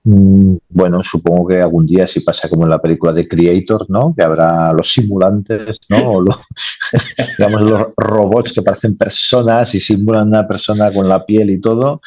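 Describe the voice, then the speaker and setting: A man's voice: sits low, steady tone, moderate pace, a little mellow, no echo. A man, a naval engineer, answering interview questions casually and rambling, often adding tag questions.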